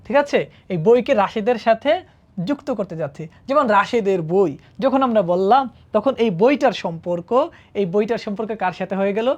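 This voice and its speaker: A woman's voice: medium pitch, lively intonation, moderate pace, a little mellow, muffled recording. A woman teaching Arabic grammar to students in a classroom-style lesson, patiently asking them questions and checking that they follow. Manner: patient, asks the class questions and often checks with "ঠিক আছে?".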